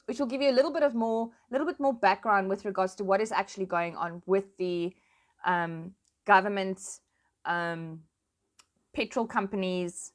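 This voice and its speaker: South african lady just chatting to her followers, medium pitch, straight talking, puts stress on her points. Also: moderate pace. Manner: informal, plain-spoken, emphatic. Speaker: online commentator and host. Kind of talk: casual chat to followers, switching between languages.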